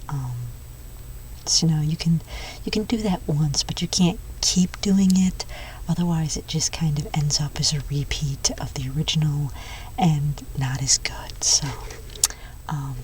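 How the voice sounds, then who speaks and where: A whispered role-play of a nerdy, enthusiastic movie-store clerk , played by a woman. The voice is low and soft, rambling along without hurry. It sits a little away from the microphone, over faint background noise. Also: distant mic, rough recording. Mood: chatty, enthusiastic. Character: chatty, nerdy movie-store clerk recommending sci-fi films.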